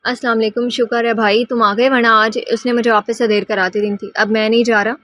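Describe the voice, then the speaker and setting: A woman voicing a young man in a hurry, talking quickly to his family. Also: fairly high pitch, level tone, fairly bright tone, a little hiss or hum, natural voice. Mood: hurried. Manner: hurried.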